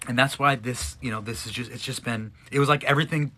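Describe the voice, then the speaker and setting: Bright-voiced man, choked up. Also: mid-range voice, fairly even intonation, fast talker. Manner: emotional, choking up at times, chatty with restarts. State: tearful, choked up. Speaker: live streamer, one of a couple. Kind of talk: casual chat answering follower questions.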